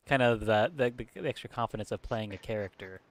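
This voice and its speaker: A man's voice: on the low side, fast talker, dry recording. Wry man teasing in podcast chat. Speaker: podcast co-host. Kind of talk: casual chat.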